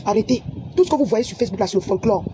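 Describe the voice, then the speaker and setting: A woman's voice: mid-range voice, expressive, racing, noisy background. A woman, scolding and repeating herself in an angry livestream on her phone camera. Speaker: social media personality.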